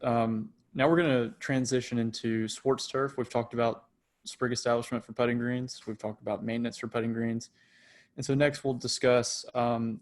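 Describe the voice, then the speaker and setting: A young man presents his research in a webinar, following prepared points. His voice is gravelly with vocal fry. He keeps a flat, even delivery. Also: mid-range voice. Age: young adult. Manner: reads prepared points with fillers. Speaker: PhD student presenting research.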